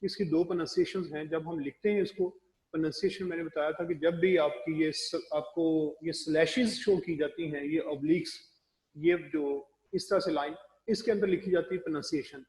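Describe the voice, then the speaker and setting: A man teaching English pronunciation in a recorded classroom lecture, explaining slowly and spelling words out letter by letter. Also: a little high, fairly even intonation, darkish tone, echoey room, big-room sound, poor audio.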